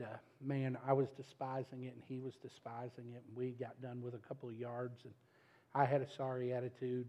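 A middle-aged pastor with a drawl delivers a sermon, pressing his points home and calling out to the congregation. His voice sits at an ordinary pitch, and the recording sounds a little dull and muffled. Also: dark tone. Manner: emphatic, addresses the congregation directly.

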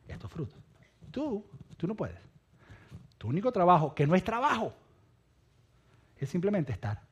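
Husky, animated male preacher. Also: muffled recording. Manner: emphatic, repeats phrases, drops to a low quiet voice at line ends. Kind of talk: sermon.

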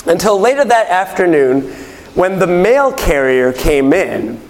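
High-voiced man preaching conversationally. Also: sing-song, unhurried. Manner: asks the congregation questions and repeats their answers; chatty storytelling. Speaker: pastor. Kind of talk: conversational sermon.

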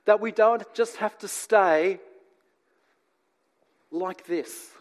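Preaching to an audience in a relaxed, conversational style, this high-voiced man teaches as he goes, pausing deliberately and turning aside to address listeners. He was born in England, grew up in New Zealand and lives in Australia.

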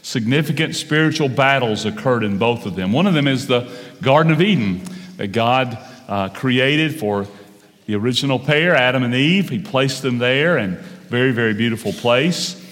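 A man preaches at a pulpit microphone, his voice carrying a long reverb through a church sanctuary. His speaking pitch is in the ordinary middle range for a man. He moves through the sermon in a measured way, slowing on key phrases and filling pauses with "uh" and "um". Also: expressive, fairly bright tone. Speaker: pastor.

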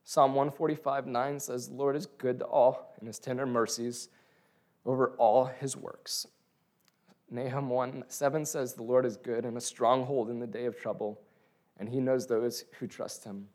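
A man's voice: medium pitch, steady tone, moderate pace, a little mellow. A man reading a prepared religious testimony aloud, including scripture. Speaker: speaker sharing testimony.

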